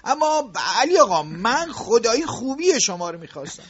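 A domineering middle-aged factory owner in a radio drama, speaking in a strikingly high, bright voice. He is quick-tempered and sarcastic with his workers. The recording sounds dull and lo-fi. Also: big pitch swings, full character voice. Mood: irritated. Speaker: factory boss. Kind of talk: audiobook radio drama acting.

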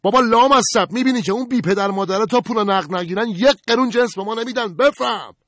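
A loud, contemptuous middle-aged dealer, put on by a male narrator, barks every line up high in his voice. The sound is husky and dry, close on the mic. He stays stubborn and scornful throughout the audiobook-style telling. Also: sing-song, no echo, full character voice. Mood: angry.

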